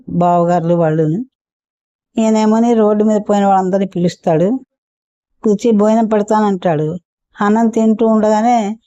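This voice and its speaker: A woman's voice: medium pitch, warm tone, no room sound, close to an everyday voice. A woman storyteller voicing a fed-up, scheming poor housewife who complains plaintively, in a dull, muffled recording.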